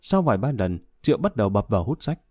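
A man reads a story aloud in a steady, even storytelling manner. His voice is mellow and soft-edged. The recording is dry and close, with no room sound. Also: lowish voice, quick pace, no room sound. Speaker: narrator. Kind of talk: scripted audiobook narration.

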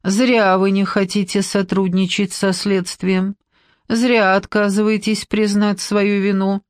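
A woman's voice: mid-range voice, flat delivery, slow pace, clear, resonant tone, dry recording, clean studio sound, voice pushed up, lightly acted. A woman voicing a stern blonde female police investigator in an audiobook, cold and pressing as she accuses. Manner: cold, pressing, hissing at times.

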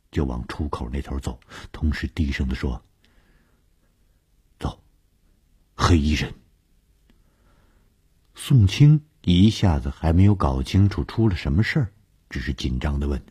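Brief: male narrator, extremely deep and husky, slow suspenseful horror reading. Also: a little mellow. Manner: measured, suspenseful telling. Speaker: storyteller.

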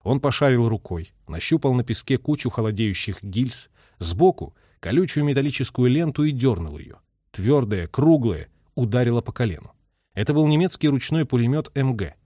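A man reading a literary war story aloud with expressive, dramatic narration. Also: medium pitch, normal speed, dry recording, clean studio sound. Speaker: audiobook reader.

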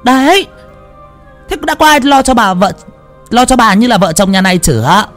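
A man voicing a cruel middle-aged daughter-in-law who scolds in a shrill, fast voice. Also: lively intonation, fairly bright tone, faint music behind. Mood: sneering. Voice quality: shrill, screeching.

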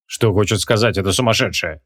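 A man's voice: fairly low pitch, brisk, fairly bright tone. A man voicing a stern, commanding male archmage from ancient times for an audiobook. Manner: commanding, solemn.

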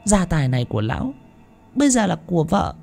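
Brief: wicked scheming woman, voiced by a man, pitched high, hushed and sneering. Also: big pitch swings, fast talker, vocal fry, soft background music, heavily acted. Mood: mocking. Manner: sneering, mocking, with shrill laughter.

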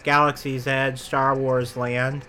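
A man's voice: medium pitch, little pitch movement, slow pace, pushed and bright, soft background music. A man co-hosting a podcast, chatting casually and rambling, often correcting himself mid-sentence. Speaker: podcast co-host. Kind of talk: casual chat about theme park attractions.

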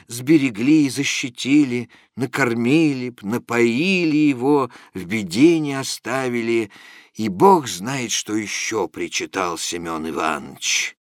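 A man reading classic fiction aloud as an audiobook narrator, in a measured, expressive way. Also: mid-range voice, no echo, studio quality.

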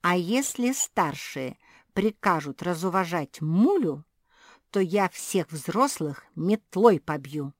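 A woman's voice: on the low side, lively intonation, slow, dry recording, studio quality. A woman voicing a defiant, fiercely loyal female pug puppy in an audiobook.

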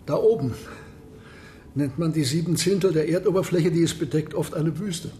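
Male actor as commanding, secretive sea captain for radio play; higher-pitched, mellow, formal, measured. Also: slight background noise, close to an everyday voice. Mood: reverent, fervent. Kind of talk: radio drama acting.

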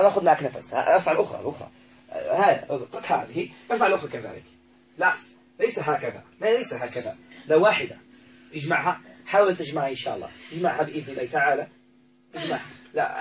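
A man's voice: a little high, expressive, racing, fairly bright tone, slight background noise, poor audio. A man acting as a ruqyah healer, commanding and repeating himself as he addresses a spirit in an exorcism session, full of religious phrases.

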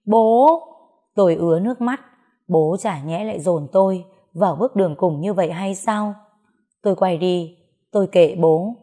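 A woman's voice: fairly low pitch, moderate pace, dark tone. A woman narrating a dramatic first-person story with emotion.

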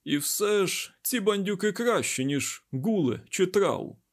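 A man's voice: high-pitched, expressive, voice pushed up. A man voicing a sardonic cynical smuggler. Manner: slow, dry, sarcastic. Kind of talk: audiobook character voice.

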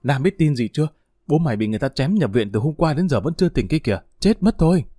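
A breathless, agitated village woman bursting with exclamations, as a male narrator puts her on. Her pitch jumps up and down, over a warm, dry recording. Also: big pitch swings, a little fast, dry recording. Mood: alarmed.

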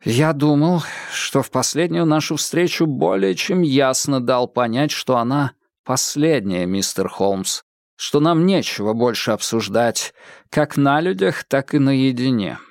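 A man's voice: mid-range voice, expressive, a little slow, gravelly, dry recording, clean studio sound. A man voicing a proud, stiff elderly male historian in an audiobook, cutting and indignant. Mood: haughty.

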